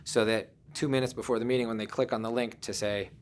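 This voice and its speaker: A man's voice: mid-range voice, steady tone, fast talker, slight background noise. A man giving a virtual conference presentation, talking in a conversational way and telling personal stories, often with "um" and "you know.". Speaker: conference speaker.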